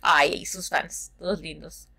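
A woman's voice: sits low, fairly even intonation, takes it slowly, pushed and bright, dry recording. A woman who hosts a reaction video and gushes over cartoon clips in casual commentary. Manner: gushing, exclaiming and laughing at the clips.

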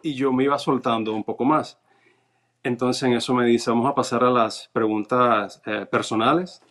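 A man's voice: mid-range voice, fairly even intonation, normal speed, a bit bright. A man from Venezuela, recounting events step by step in casual conversation. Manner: recounts events step by step, reading notes aloud. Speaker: interview guest. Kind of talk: casual storytelling.

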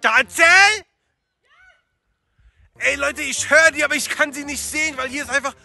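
Man with a high, very bright, gravelly voice, joking through game role-play. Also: steady tone, moderate pace, soft background music. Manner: casual, joking, addresses viewers. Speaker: guest player.

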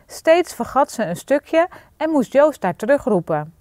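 A woman reading a children's story aloud, expressive and lively. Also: high voice, measured pace, dry recording.

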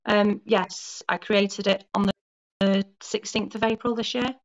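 Speaking from her lounge, this podcast guest, a woman in her forties from Wales, works through her story in a relaxed interview, often restarting and correcting herself. Her gravelly mid-range voice barely moves in pitch and runs a little slow, heard over dull lo-fi call audio.

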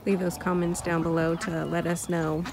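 A woman casually narrating a farm vlog from an outdoor poultry pen, talking slowly with many pauses and restarts. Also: fairly low pitch, little pitch movement. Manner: slow, unhurried, with many ums and restarts. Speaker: farm vlogger. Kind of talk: casual narration while filming. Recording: outdoor phone audio with clear farm noise. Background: ducks quacking and chickens.

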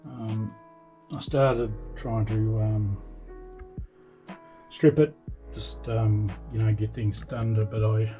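An older man with an Australian accent walks through a boat's engine room on his vlog, talking in a halting, rambling way full of ums and restarts, tired and frustrated. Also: fairly low pitch, fairly even intonation, music in the background, rough recording. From Tasmania, Australia. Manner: weary and frustrated. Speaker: boat repair vlogger. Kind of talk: casual walkthrough vlog. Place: boat engine room, indoors.

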